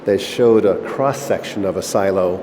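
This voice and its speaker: Deep-voiced middle-aged man in echoey silo. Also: normal speed. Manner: relaxed, rambling with fillers and restarts. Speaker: missile silo owner giving a tour. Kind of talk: casual conversational interview. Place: inside a converted underground missile silo. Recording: echoey concrete chamber, faint background noise.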